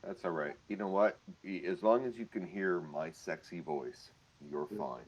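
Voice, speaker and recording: A man's voice: deep voice, moderate pace, husky. A man in his forties, bantering and joking in a casual chat. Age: 40s.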